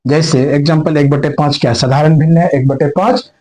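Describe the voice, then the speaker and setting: A man's voice: fairly high pitch, steady tone, a little fast, dark tone, poor audio. A man teaching a maths class. He asks questions and answers them himself, and he repeats and rephrases each step. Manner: repeats and rephrases points, mixes in English terms. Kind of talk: classroom lesson explaining on a board.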